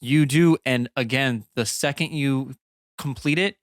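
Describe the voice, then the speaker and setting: A man narrating a tabletop game as game master, loose and halting with many fillers. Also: mid-range voice, dry recording, clean studio sound.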